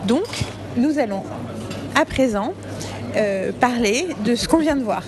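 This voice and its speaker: A woman's voice: fairly high pitch, animated, measured pace, crowd noise. A woman hosting a casual podcast, keeping her voice down as if not to disturb people nearby. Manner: hushed, keeping voice down. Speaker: podcast host. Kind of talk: casual spoken podcast introduction and film discussion. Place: waiting in a cinema queue.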